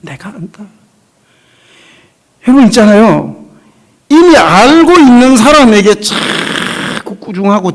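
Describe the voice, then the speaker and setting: A middle-aged man preaching a revival sermon as a pastor in a church, emotional and conversational, sometimes dropping to a hush. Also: extremely high pitch. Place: church sanctuary.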